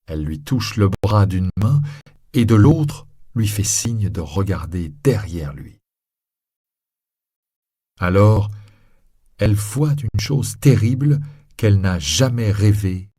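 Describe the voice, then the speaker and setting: A man narrating a story for listeners in a slow, expressive way. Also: low-pitched, breathy edge, no echo, studio quality.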